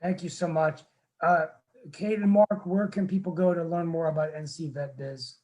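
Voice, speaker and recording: A man's voice: fairly high pitch, steady tone, normal speed, darkish tone, rough recording. A man hosting a webinar over a video call, talking earnestly and rambling with lots of fillers and restarts. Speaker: webinar host, town council member. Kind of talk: casual webinar talk.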